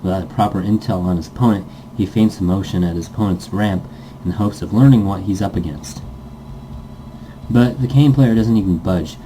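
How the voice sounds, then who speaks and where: A man acting as a let's player reads a story aloud in a low, warm voice at a fairly quick clip, now and then stumbling over words, correcting himself, and tossing in goofy asides. The low-quality recording carries a slight background noise.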